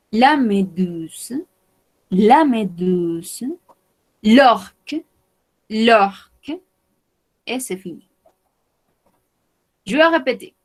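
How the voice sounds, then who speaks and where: A woman gives a French vocabulary lesson. She speaks very slowly, spelling out each word and repeating it for the class. Her voice sits at an ordinary middle pitch. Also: darkish tone. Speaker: French teacher.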